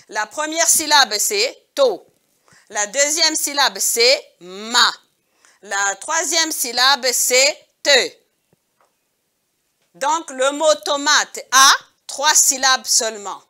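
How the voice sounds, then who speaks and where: Slow, bright-voiced woman teacher. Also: high-pitched, animated. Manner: slow, patient, repeating each word twice; addresses pupils as "mes amis". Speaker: kindergarten teacher. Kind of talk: recorded video lesson for young children.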